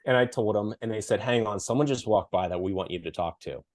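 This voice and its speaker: A man's voice: on the low side, fast talker, dry recording, clean studio sound. A middle-aged man from Western Pennsylvania telling a story in a casual interview, acting out the people he quotes and laughing often. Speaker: podcast guest, coach and speaker.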